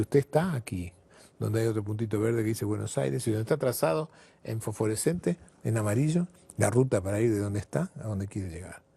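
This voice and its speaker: Brief: therapist-writer, gravelly, expressive storyteller in an interview. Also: male voice, on the low side. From Argentina. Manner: expressive storyteller, emphatic pauses.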